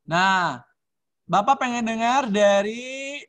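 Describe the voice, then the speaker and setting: A man teaching recitation over a video call, slowly demonstrating and repeating letter sounds with casual joking asides. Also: extremely high pitch, animated, fairly bright tone. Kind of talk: online class lesson.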